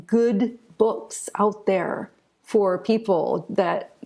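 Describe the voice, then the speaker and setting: A middle-aged American woman, author and illustrator of children's books, chats informally through her interview answers, telling stories as she goes. Her mid-range voice is slightly mellow with vocal fry, and she speaks extremely slowly.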